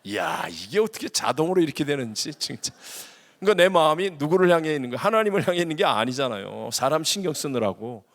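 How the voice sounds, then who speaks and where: A middle-aged man preaching a sermon as senior pastor, lively and acting out prayers, with swings between loud and hushed. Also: fairly high pitch, quick pace. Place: large church sanctuary. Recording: long hall reverb.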